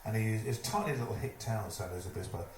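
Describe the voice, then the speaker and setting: A man telling a lively stage anecdote, putting on other people's voices as he goes. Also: on the low side, fast talker. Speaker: storyteller at a live evening event. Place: live event venue, indoors. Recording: echoey room, distant mic, noisy.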